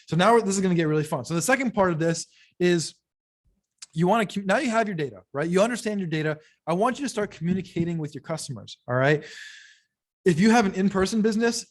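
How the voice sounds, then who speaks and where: High-voiced man teaching business tips. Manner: energetic, keeps checking in with "right?" and "okay?"; stumbles and restarts mid-phrase. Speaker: business coach. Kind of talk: teaching talk to an audience.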